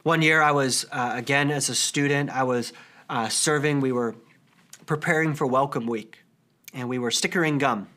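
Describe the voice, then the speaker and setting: A man's voice: mid-range voice, normal speed, sharp tone. Earnest man preaching a sermon. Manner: earnest, conversational storytelling with fillers. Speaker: pastor.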